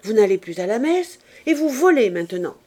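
A woman voicing a stout, imperious bourgeois mother who scolds and accuses her maid in loud, raised outbursts, in an audiobook reading of a novel. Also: a little high, big pitch swings, fairly quick. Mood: furious.

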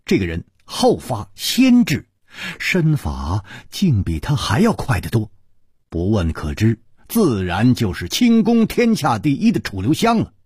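A man's voice: medium pitch, huge pitch swings, unhurried, darkish tone, slightly rough, no room sound, clean studio sound. A man telling a martial-arts tale on radio in a dramatic, vividly inflected storytelling style. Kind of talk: Chinese oral storytelling on radio.

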